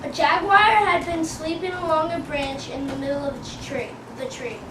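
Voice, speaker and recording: A female reader narrates a storybook in a very high voice. The recording is distant, with clear noise around her. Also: fairly even intonation, normal speed. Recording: noisy, echoey room, far from mic.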